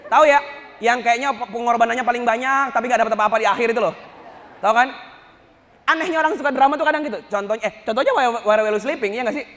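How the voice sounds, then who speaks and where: A male Islamic preacher giving a humorous lecture, joking and telling stories with animated energy. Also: very high-pitched, quick pace, long reverb tail.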